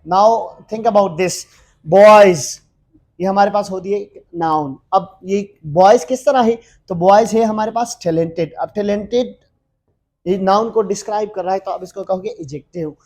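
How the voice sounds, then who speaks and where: A man's voice: high voice, moderate pace, a little mellow. Teacher, male, patient classroom explainer, repeats points, easygoing fillers. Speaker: English teacher. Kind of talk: mixed Hindi-English grammar lesson.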